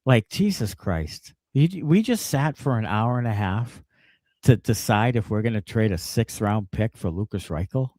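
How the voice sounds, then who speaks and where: A man hosting a casual sports podcast, ranting in a profane, animated way. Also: lowish voice, normal speed, dry recording, studio quality. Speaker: podcast host.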